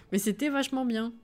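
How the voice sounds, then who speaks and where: A woman's voice: high-pitched, darkish tone. Chatty woman streamer over faint music. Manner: chatty, laughs often, reads chat aloud. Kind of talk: casual live-stream chat while playing.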